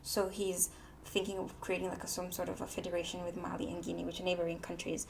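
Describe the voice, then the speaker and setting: This woman from Tanzania, not a native English speaker, delivers a casual political opinion monologue to camera, candid and full of repeated words for emphasis. She talks fast in a lowish, monotone, creaky voice, and there's background noise.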